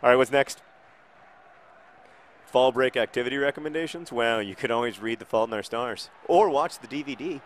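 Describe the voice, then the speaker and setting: A man hosting a casual gaming video, answering viewer questions in a rambling, self-deprecating way while now and then shouting at the match he is playing. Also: mid-range voice, normal speed. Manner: rambling, self-deprecating, dry jokes, sudden shouts at the game.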